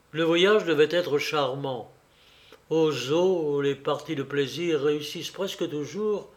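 Male audiobook narrator, deliberate and unhurried, slightly high pitch. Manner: measured, deliberate reading.

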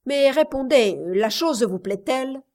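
A vain young village man snaps his words out curtly, cold and impatient, as a woman reader puts him on. The storybook voice keeps a proud, dismissive edge. The lines come slowly but with a clipped chill. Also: sits high, lively intonation, darkish tone, pitched above the performer's own voice. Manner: curt, impatient delivery.

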